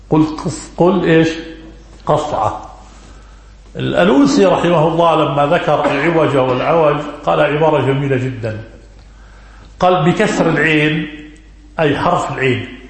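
Male religious scholar, fairly high voice, teaches by repetition and quizzing, very echoey hall. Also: brisk, vocal fry. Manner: repeats key words and quizzes listeners. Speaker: religious scholar answering questions. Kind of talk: religious lesson. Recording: very echoey room.

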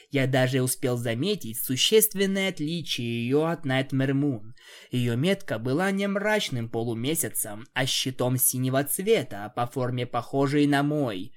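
A reader narrates a first-person fan story with an even, plain storytelling voice. The delivery stays steady, and the quieter tags after each quote sink back into the telling. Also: mid-range voice. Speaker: audiobook reader.

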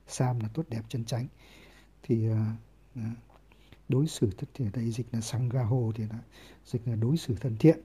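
A man, a Buddhist monk, explaining scripture terms word by word in an unhurried lesson with many filler pauses, carefully sounding out each foreign term. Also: medium pitch, steady tone, warm tone, husky. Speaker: Buddhist monk teaching Pali.

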